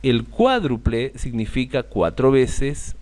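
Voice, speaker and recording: Male math tutor; patient, slow repeats of key terms, lively rising and falling delivery. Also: medium pitch. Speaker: math teacher. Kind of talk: explaining a lesson to viewers.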